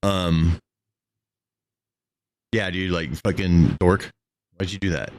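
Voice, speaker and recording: A man's voice: deep voice, steady tone, dry recording. A man streaming casually and directing an editor in a blunt, bossy, sweary way, drawing out his S sounds. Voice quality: drawn-out S sounds. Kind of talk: casual live-stream talk.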